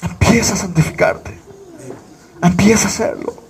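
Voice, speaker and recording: A man from Bolivia preaches a fervent sermon, his voice sitting high for a man. He keeps asking the congregation questions and answering them himself. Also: moderate pace, a little hiss or hum. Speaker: pastor.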